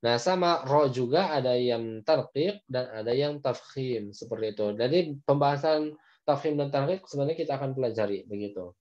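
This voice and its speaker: A man with an Indonesian accent teaching Quran recitation in an online class, patiently explaining and slowly demonstrating letter sounds over a video call. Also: mid-range voice, darkish tone, highs cut off.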